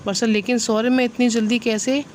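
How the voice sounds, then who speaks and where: A woman's voice: on the high side, a little fast, a little hiss or hum, close to an everyday voice. Give me a spirited, touchy young woman, as a narrator reads her. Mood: huffy. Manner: huffy, lively. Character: spirited young woman, quick to take offense.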